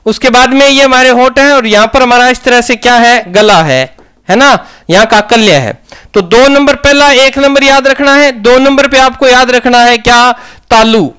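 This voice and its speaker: A man's voice: very high-pitched, normal speed, sharp tone, clean tone. A man teaching a grammar lesson, asking questions and answering them himself.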